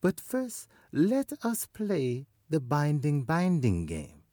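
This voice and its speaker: A man voicing a small, clever male spider trickster with a bright, sing-song voice. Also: fairly high pitch, wildly swooping pitch, takes it slowly, no echo, studio quality, voice pushed up, exaggerated voice. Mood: sly.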